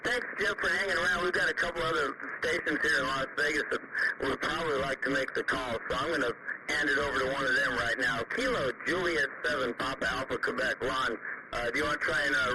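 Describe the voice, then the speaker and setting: A man's voice: a little high, fairly quick. Distant man running a noisy radio net. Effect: two-way radio. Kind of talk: casual procedural radio talk with call signs.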